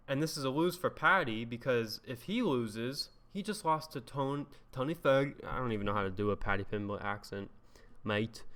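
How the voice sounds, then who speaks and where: Guy doing a casual fight commentary vlog, bright voice, swears a lot, laughs a bunch. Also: medium pitch. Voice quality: chatty, swears freely, laughs often. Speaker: MMA commentary YouTuber.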